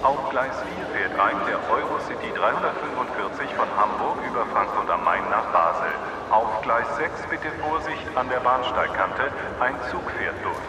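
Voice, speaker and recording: An actor playing a male train station announcer, heard as a brisk, formal loudspeaker announcement. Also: mid-range voice, expressive. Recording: echoey loudspeaker from far off with station noise.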